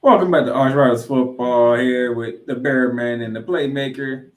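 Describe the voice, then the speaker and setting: This male sports podcast host, medium in pitch and moderate in pace, gives stat-filled recap commentary with emphatic delivery of names and numbers. The sound is roomy, with audible echo.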